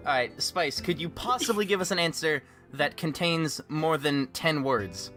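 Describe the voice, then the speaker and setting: A man with a slightly high, bright, pushed voice and lively intonation hosts a podcast about a fan voice project, speaking at a moderate pace. He runs a casual group chat, sarcastic and swearing freely, while guitar music plays in the background.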